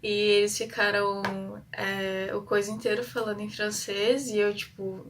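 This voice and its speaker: A young Brazilian woman tells a casual vlog story in a flat, even tone, full of fillers and stray English words. She sounds a bit distant from the mic, with a faint hum of ambient noise behind her. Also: medium pitch, a little slow. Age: young adult. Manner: chatty, rambling with many fillers and English terms; shy by her own account. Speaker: exchange student vlogger.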